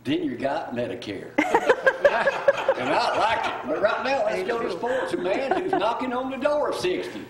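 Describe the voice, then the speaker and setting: A man, hosting a morning talk show with joking, animated banter. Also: extremely high pitch, normal speed, vocal fry, reverberant, far from the mic, very noisy. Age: 50s. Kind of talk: casual studio banter.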